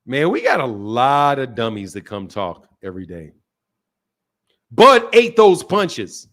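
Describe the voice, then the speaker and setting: Hosting a laid-back boxing talk show on a live-stream, this man reads chat comments aloud and reacts with lots of energy, cursing freely, using slang, and repeating himself. His voice sits at a medium pitch and he doesn't rush.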